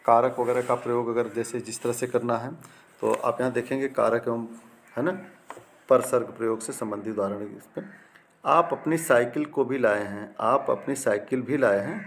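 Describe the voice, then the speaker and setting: Male teacher, plain mid-range voice, methodical correction drills, light room noise. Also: medium pitch. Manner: repeats each example twice, wrong form then correct, with frequent "ठीक है ना" checks. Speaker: Hindi grammar teacher. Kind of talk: classroom-style lesson reading out corrections.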